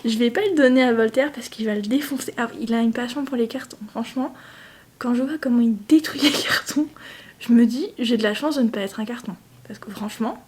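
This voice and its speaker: Young woman, casual vlog chat, rambling, self-mocking, fairly high voice. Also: darkish tone, husky. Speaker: vlogger.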